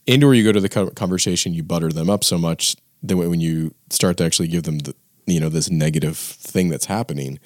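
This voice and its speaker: A man with a very deep voice talks in a relaxed, casual way, often leaning on "like" while he builds his point. He is recorded dry and close to the mic. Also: quick pace, no echo. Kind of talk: casual discussion.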